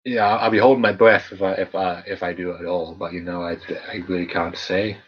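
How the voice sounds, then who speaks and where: A man's voice: sits low, steady tone, brisk, slightly rough, highs cut off. A man hosting his channel's Q&A stream, rambling casually with lots of fillers and restarts. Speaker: channel host. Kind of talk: casual live Q&A chat.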